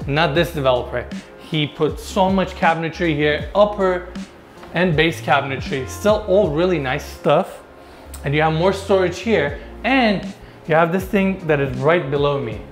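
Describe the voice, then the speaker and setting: A man's voice: on the high side, normal speed, faint music behind. Chatty man touring a house. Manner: enthusiastic, chatty, addresses viewers directly. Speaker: home tour host. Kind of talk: casual walkthrough narration. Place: large indoor house basement. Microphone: lapel mic.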